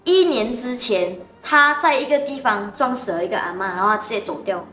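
A woman co-host, telling a ghost story in an animated, dramatic way in casual chat. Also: on the high side, fairly quick, reverberant, faint music behind.

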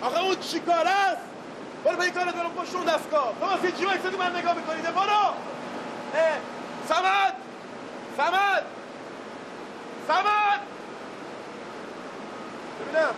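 An actor playing a young, hot-tempered factory worker in a TV drama, angry and bitter. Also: male voice, very high voice, roomy sound, background noise. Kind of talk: TV drama acting.

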